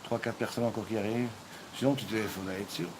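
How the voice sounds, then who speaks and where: A man with a lowish voice talks at a quick pace while hosting a cooking live stream over a phone mic. His chatter is playful and rambling, peppered with fillers and restarts, against a noisy background.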